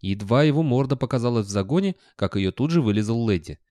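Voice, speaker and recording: A man narrating a comic fantasy audiobook at a mid pitch, reading in a measured, expressive way. The sound is dry and close, with no room around it. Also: no room sound. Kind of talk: scripted narration.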